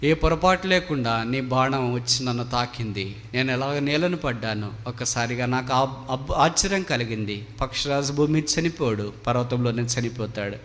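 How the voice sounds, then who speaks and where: A man's voice: medium pitch, normal speed, few pauses, a bit bright, slight background noise, natural voice. A man preaching in a sermon, voicing a dying male eagle king who laments in repeated mournful phrases, his words ringing in a long hall reverb. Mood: sorrowful.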